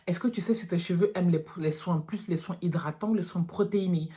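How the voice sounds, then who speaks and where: The natural hair vlogger, a French woman in her thirties, has a brisk, low, dark-toned voice. In her casual vlog she talks to viewers frankly, without hedging, and refers to them as girls.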